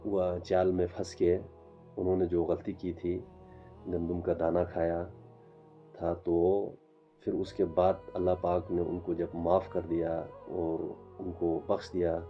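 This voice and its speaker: Man, low and level, self-taught religious lecturer, halting with fillers, dull lo-fi audio, faint music under. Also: completely flat delivery. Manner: halting, with frequent fillers and restarts. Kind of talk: informal religious lecture vlog.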